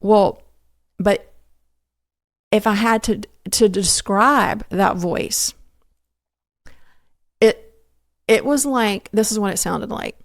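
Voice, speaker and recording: A woman's voice: mid-range voice, no room sound, studio quality. Earnest woman sharing a faith testimony. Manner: earnest, halting, with many restarts and fillers. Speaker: interview guest. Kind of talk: faith testimony in a podcast interview.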